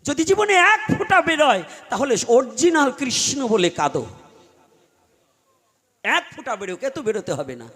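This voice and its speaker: A man preaching in a high, ringing voice and telling devotional stories. He swings between loud, impassioned pleading and hushed asides. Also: slightly rough. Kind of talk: devotional storytelling sermon. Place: live gathering before a large crowd.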